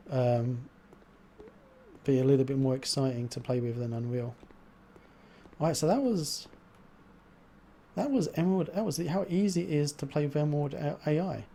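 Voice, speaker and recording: A man's voice: mid-range voice, dark tone, a little hiss or hum. A man hosting a livestream in casual chat, pronouncing his R's like W's. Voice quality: cannot pronounce R's, says w for r. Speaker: livestream host.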